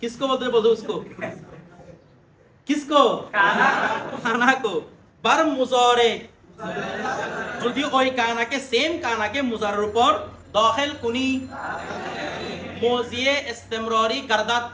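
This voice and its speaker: A man's voice: very high-pitched, fairly even intonation, measured pace, long pauses. A man teaching a class, drilling pronunciation and quizzing his students. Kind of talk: classroom lesson. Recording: echoey room with background noise.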